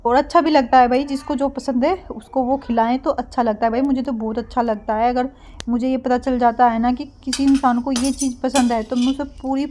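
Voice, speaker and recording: Young woman, soft-spoken, a little high-pitched, casual cooking vlog. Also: fairly even intonation, brisk, a little hiss or hum. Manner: soft-spoken, gets breathless when speaking loudly. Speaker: vlogger.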